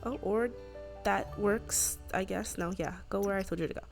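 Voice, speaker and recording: A woman's voice: mid-range voice, moderate pace, vocal fry, faint music behind. A woman hosting a game video and narrating her characters' drama in a chatty, gossipy way. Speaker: let's play host. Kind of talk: gaming commentary.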